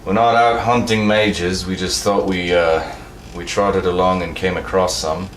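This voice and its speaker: A man voicing a laid-back, reasonable male Templar who speaks in a relaxed way. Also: low-pitched, a little slow. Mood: easygoing. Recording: echoey room, mic far off, steady background noise.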